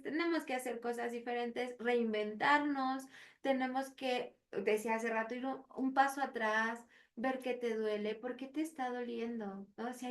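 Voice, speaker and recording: A woman with a Mexican Spanish accent, co-hosting a parenting podcast as a psychologist, telling stories in an animated way with acted quotes. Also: a little high, far from the mic. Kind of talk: casual podcast chat.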